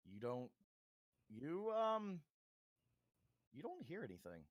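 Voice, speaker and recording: Lively man narrating a tabletop game. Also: on the high side, no echo, muffled recording. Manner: relaxed, halting with fillers. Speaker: game master.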